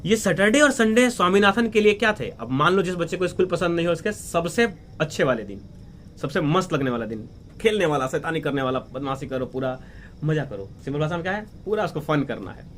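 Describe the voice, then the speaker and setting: A man's voice: a little high, expressive, fairly bright tone, a little hiss or hum. A man, teaching a class story line by line and asking his students questions. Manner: explains slowly, asks questions and answers them himself. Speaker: English teacher. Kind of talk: line-by-line lesson explanation.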